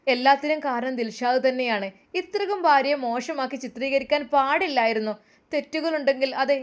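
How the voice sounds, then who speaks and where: A woman with a Malappuram Malayalam accent voicing a gentle, wounded young wife who speaks softly and respectfully. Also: high voice, lightly acted. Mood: hurt. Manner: soft, respectful, self-reproaching.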